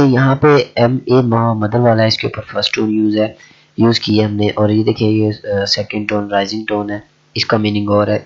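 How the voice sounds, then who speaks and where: A man who teaches a language lesson, talking slowly and repeating himself with many fillers. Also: medium pitch. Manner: slow and repetitive, with many fillers. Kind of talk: explaining a lesson. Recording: dull lo-fi audio.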